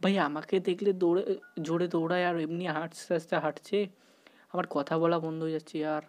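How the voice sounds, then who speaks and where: A man giving excited, panicky commentary while playing a horror game, at times dropping to a hushed voice out of fear and mixing in English exclamations. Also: a little high, brisk, soft background music. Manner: sometimes talks softly out of fear. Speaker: gaming YouTuber.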